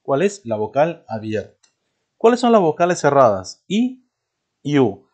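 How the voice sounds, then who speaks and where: A man's voice: mid-range voice, big pitch swings, measured pace, darkish tone. Male teacher, grammar lesson, asks and answers his own questions, frequent tag questions, points at examples. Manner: checks in often with short tag questions; points to something he is showing as he talks. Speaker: language teacher.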